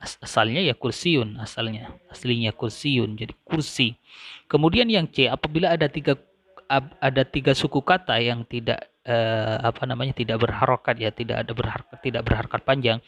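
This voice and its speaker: A man giving an online lecture, explaining step by step with frequent fillers and restarts, slowly repeating example words. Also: medium pitch, fairly bright tone. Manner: hesitant, many fillers and restarts.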